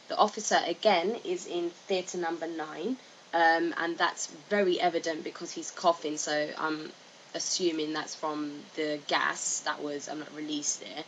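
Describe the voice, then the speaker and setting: A noisy amateur voice-over with distinct hiss carries a woman's lowish, unhurried voice with fairly even intonation. Narrating a video, she gives hesitant, informal opinions, repeating herself and filling gaps with "you know" and "like."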